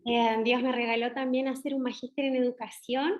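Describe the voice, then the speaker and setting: A middle-aged woman with a Chilean accent, a doctor speaking as guest in an interview, measured and reflective with pauses. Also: a little high, little pitch movement, dull audio. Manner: measured, reflective, frequent hesitations. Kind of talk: conversational interview.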